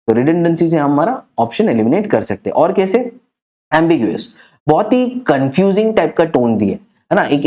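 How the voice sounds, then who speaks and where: A man teaches a class in a warm, mellow voice. His pitch rises and falls a great deal as he explains. He keeps asking students whether the point is clear. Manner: explanatory, checks understanding with frequent "है ना?" and "clear है?". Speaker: exam prep teacher. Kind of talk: classroom lecture mixing Hindi and English.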